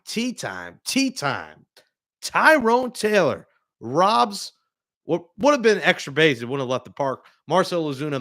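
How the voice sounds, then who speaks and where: A man hosting a live postgame reaction show, talking through the game with excitable, joking fan commentary. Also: fairly high pitch. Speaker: sports talk host.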